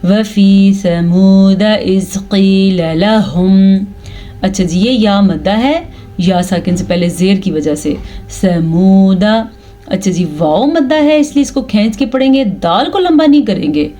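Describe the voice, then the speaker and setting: A woman with a Pakistani Urdu accent gives a patient tajweed lesson at a middle, even pitch. She explains the rules of pronunciation step by step. Between the explanations she recites the verses slowly and carefully, stretching the sounds. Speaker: Quran tajweed teacher.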